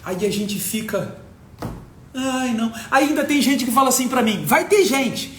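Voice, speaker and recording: A man's voice: lively intonation, moderate pace, fairly bright tone. A Brazilian man giving an impassioned talk from home, blunt and emphatic, swearing for emphasis. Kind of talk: impassioned lecture to an audience. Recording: echoey room with faint rumble.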